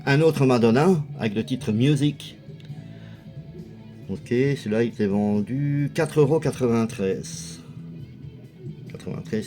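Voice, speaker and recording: A man casually commenting as a video host, chatty and hesitant, with lots of fillers. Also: mid-range voice. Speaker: video host showing a music collection.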